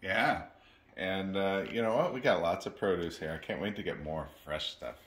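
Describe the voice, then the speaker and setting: Laid back guy, really low voice, talking thru groceries in his kitchen. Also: normal speed, fairly bright tone. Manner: easygoing, agreeable, with fillers. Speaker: channel co-host. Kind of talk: casual grocery haul chat. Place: home kitchen, indoors.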